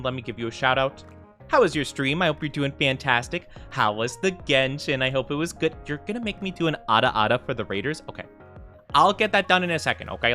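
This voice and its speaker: A man's voice: mid-range voice, bright, forceful tone. A man chatting casually as a live VTuber game streamer, with a cute, upbeat anime-streamer delivery, often repeating his phrases. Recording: music under the voice. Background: music.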